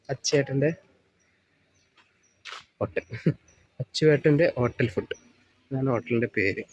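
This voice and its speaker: Husky Malayali man vlogging casually. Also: medium pitch, darkish tone, muffled recording. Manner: chatty, addresses viewers as guys. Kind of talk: casual food vlog.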